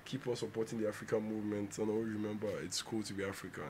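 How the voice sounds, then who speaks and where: A man's voice: lowish voice, flat delivery, rapid-fire, darkish tone, a little hiss or hum. A man guesting on a podcast, talking casually in a laid-back way, repeating himself and laughing often. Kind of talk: casual chat.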